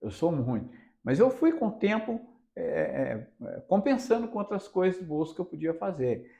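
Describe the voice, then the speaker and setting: A man's voice: a little high, very animated, moderate pace, creaky, mellow. A man, a radio reporter from Minas Gerais, telling stories in an interview with emphatic, repeated phrases and a Minas Gerais accent. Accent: Brazilian Portuguese, Minas Gerais. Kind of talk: casual interview storytelling.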